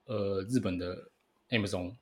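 A man in his thirties with a Taiwanese Mandarin accent, co-hosting a casual podcast in an animated, repetitive way that keeps seeking agreement. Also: low voice, unhurried. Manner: animated, repeats phrases, seeks agreement. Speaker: podcast co-host. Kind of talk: casual bantering podcast chat.

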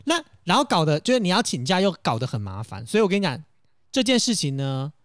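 Male podcast co-host, high voice, very animated pitch, quick talker, storytelling, dry close sound. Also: dry recording. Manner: animated storyteller, acts out phone calls. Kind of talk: casual podcast chat.

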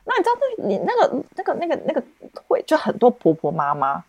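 Young woman, podcast host, lively swooping pitch, dry close sound. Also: fast talker, no room sound. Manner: animated, expressive, lots of restarts and exclamations. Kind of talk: casual storytelling chat.

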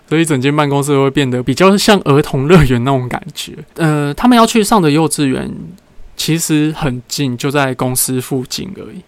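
A man's voice: a little high, smooth, no room sound. A young man hosting a casual solo podcast, telling everyday stories and acting out what people said. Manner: chatty storyteller who acts out what people said. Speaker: podcast host.

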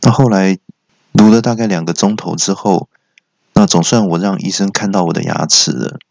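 A man, hosting a comedy podcast and telling an animated comic story. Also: moderate pace, gravelly, dry recording. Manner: animated, slips into squeaky character voices.

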